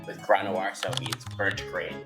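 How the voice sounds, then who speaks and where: A middle-aged American man, a chef, explaining his cooking in a casual, halting conversational way. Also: sits low, flat delivery, music in the background. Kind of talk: casual cooking demonstration and chat. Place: restaurant kitchen. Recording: echoey kitchen room sound.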